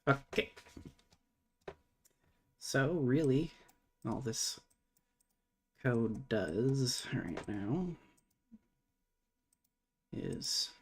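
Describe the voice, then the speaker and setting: A man's voice: mid-range voice, expressive, drawn-out words, long pauses, breathy edge. A man streaming live while programming, thinking aloud in a casual, muttering way and swearing now and then.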